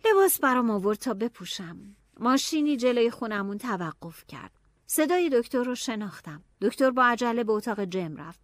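A woman narrating a novel in an expressive audiobook style, dropping to hushed tones and rising to anxious cries. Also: mid-range voice, no echo, studio quality.

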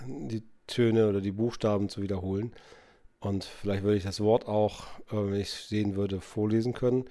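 A man talks through his thoughts on a solo podcast, pausing often and filling gaps with hesitant sounds. His voice sits fairly low and has a dark, mellow tone. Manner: musing, many fillers and hesitations. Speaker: podcast host. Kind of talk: reflective solo podcast talk.

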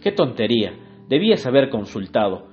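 A man's voice: mid-range voice, big pitch swings, normal speed, darkish tone, natural voice. A stern, blustering father of a family, as a man reads him aloud in a storybook telling. He scolds and huffs with pompous authority over a faint bed of guitar. The recording is dull and lo-fi. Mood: scolding. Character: stern middle-aged father, proud and quick-tempered. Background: faint guitar music.

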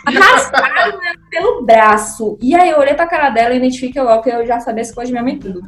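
A young woman, telling family stories as a podcast co-host and acting out the quotes. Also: fast. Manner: animated, acts out quotes with big pitch jumps. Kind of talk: casual storytelling chat. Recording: roomy echoey room.

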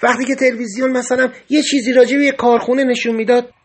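Male memoir narrator, first person, earnest and grave, husky tone. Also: extremely high pitch, little pitch movement. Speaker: podcast narrator.

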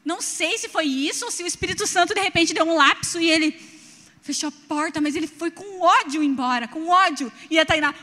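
Young Brazilian woman preacher, high and bright, animated storyteller, church hall reverb. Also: a little fast. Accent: Brazilian Portuguese. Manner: animated storytelling, addresses the congregation directly. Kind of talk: sermon with personal stories.

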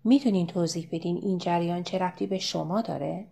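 A woman voicing a big, calm man who defends the barmaid, in an audiobook. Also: sits high, vocal fry. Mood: courteous.

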